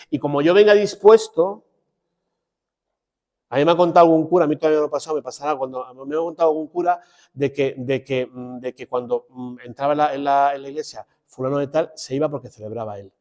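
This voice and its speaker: Priest giving a chatty parish talk. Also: male voice, fairly high pitch, fairly quick, a little mellow. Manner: conversational and digressive, with restarts and direct asides to listeners.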